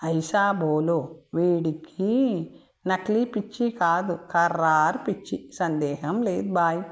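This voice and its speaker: A woman's voice: on the low side, slow. A woman doing a scoffing male soldier. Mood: sure. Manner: peppers speech with Hindi words.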